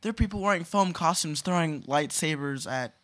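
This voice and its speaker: A man's voice: fairly high pitch, a little fast, fairly bright tone. A young man, a new podcast host, chatting casually with enthusiasm and jokes. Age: young adult. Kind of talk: casual chat.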